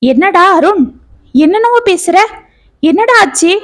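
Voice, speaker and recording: A woman's voice: very high voice, expressive, unhurried, pitched above the performer's own voice. A woman voicing an elderly father who cries out in bewildered alarm.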